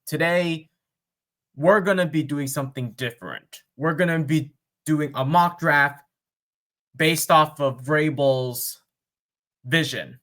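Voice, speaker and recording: A man hosting a sports fan vlog, thinking aloud in casual, unscripted commentary with pauses and fillers. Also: on the high side, sharp tone. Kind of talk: casual mock draft commentary.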